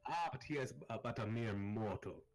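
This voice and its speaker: A man's voice: normal speed, crowd noise, lightly acted. Haughty supernatural guardian of a shrine, acted by a male game master, grand and challenging, for a tabletop fantasy game. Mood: haughty, indignant. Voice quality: deep bass. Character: haughty deep-voiced temple guardian, self-styled child of the moon. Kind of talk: tabletop role-play.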